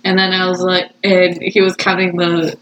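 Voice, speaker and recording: A woman's voice: fairly low pitch, completely flat delivery, normal speed, dull audio. A young woman chatting casually with coworkers, talkative and giggly. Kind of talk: casual chat. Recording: echoey room with clear noise.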